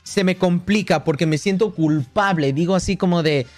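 A man livestreaming late at night, reading chat aloud and joking back in a relaxed, casual way, switching between Spanish and English. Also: sits high, moderate pace, soft background music.

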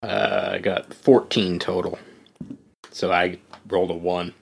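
Man, tabletop game player, casual chat, lively low voice. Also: measured pace, gravelly, a little hiss or hum.

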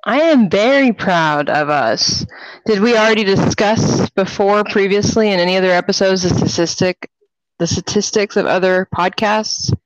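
A woman in her forties co-hosting a podcast, talking in a relaxed, easygoing casual chat. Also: mid-range voice, moderate pace, no echo, highs cut off. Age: 40s. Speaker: podcast co-host.

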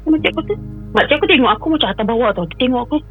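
Fast-talking woman caller. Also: high-pitched, lively intonation, breathy edge, phone-quality sound, faint music behind. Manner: mixes in English phrases, repeats herself while recounting. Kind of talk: personal storytelling on a call-in show.

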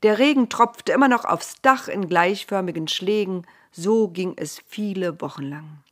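A woman narrating a storybook in a gentle, expressive way, at times dropping to a whisper. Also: medium pitch, normal speed.

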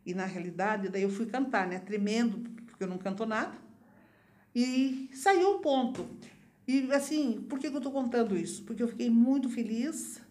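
Brazilian woman, spiritual leader, lively storyteller who voices every exchange in her tale, somewhat high voice. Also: moderate pace. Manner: lively, acts out the dialogue in her story, frequent tag questions. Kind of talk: personal storytelling.

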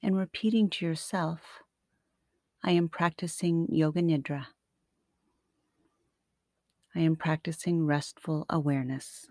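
A woman guiding a sleep meditation like a sleep story narrator, soothing and unhurried, with long pauses between short phrases. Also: deep voice, fairly even intonation, dark tone, no echo, studio quality. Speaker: yoga nidra meditation teacher.

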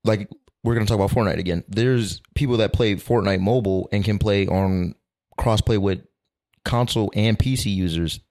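A man's voice: on the low side, normal speed, a little mellow. A man co-hosting a casual podcast chat in a laid-back, agreeable way, with short affirmations. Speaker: podcast co-host.

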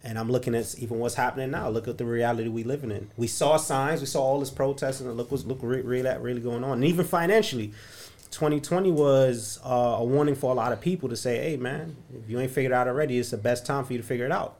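A man co-hosting a podcast, talking forcefully and preachily about money, with some swearing. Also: mid-range voice, quick pace. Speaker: podcast co-host. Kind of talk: casual podcast chat.

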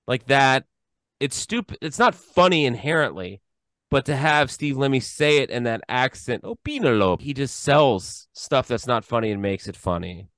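Smooth-voiced man chatting about films. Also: medium pitch, a bit bright, no echo. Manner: enthusiastic, rambling with restarts. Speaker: podcast co-host. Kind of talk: casual film review chat.

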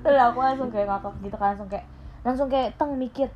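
A woman's voice: fairly high pitch, fast, muffled recording, crowd noise. Young woman telling candid stories. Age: young adult. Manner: candid, emotional storytelling with many fillers. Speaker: podcast co-host. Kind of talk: casual late-night chat.

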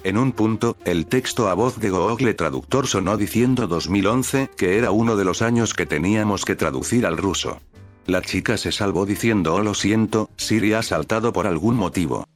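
A man with a very low voice reads out a string of short stories in a steady, scripted narration. His delivery stays even from line to line, with soft music playing quietly underneath. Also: moderate pace. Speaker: narrator reading online stories.

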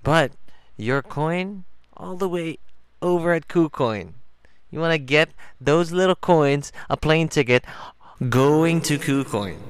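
A man's voice: fairly high pitch, clean tone, no room sound. A man co-hosting a casual crypto chat, making jokes and playful asides. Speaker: co-host.

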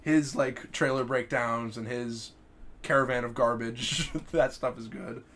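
A young man in casual podcast chat, relaxed and laughing easily, with lots of "like" fillers. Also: medium pitch, measured pace. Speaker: podcast co-host.

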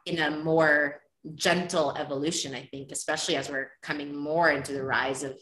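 A woman's voice: deep voice, steady tone, normal speed, fairly bright tone. A woman from Ethiopia speaking earnestly and passionately as a podcast guest. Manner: earnest, impassioned. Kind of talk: conversational interview. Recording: roomy echo.

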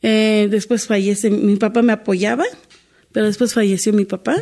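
A woman's voice: mid-range voice, flat delivery, normal speed, mellow. A middle-aged woman, a domestic worker telling her life story in an interview, earnest and full of restarts. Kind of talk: candid interview conversation.

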